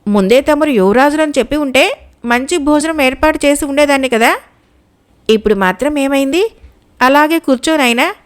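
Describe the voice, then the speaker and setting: A motherly old village woman from an audio folk tale, voiced by a woman storyteller. She speaks warmly and pleadingly in a high voice, with little change from the narrator's own. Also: normal speed, natural voice. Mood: fond.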